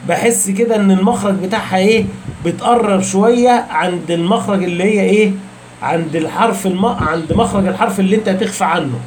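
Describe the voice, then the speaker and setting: A man with an Egyptian accent and a fairly high voice lectures his class. He keeps posing questions and answering them himself, and he slows down on the terms he wants to stress. A faint hiss sits under the recording. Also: darkish tone. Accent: Egyptian Arabic. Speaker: Quran recitation teacher. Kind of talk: explanatory lecture.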